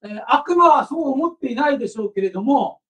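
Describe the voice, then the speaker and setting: A man's voice: very high voice, lively intonation, fast talker, fairly bright tone, recorded from a distance, low-quality recording. A male pastor leading a prayer and preaching a sermon, earnest and conversational, with frequent fillers.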